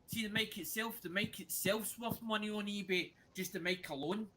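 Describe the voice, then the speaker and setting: A man speaks in a notably high voice with a broad Scottish accent. His speech is thick and hard to follow, in the loose style of casual live-stream chat. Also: normal speed, sharp tone.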